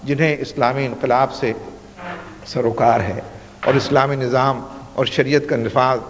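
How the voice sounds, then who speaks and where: A male preacher delivers a rhetorical sermon, building each point through repeated phrases and weaving in Arabic recitation. His mid-pitched voice rings out in a large hall with a long reverb tail. The recording sounds dull and muffled. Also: steady tone, a little hiss or hum.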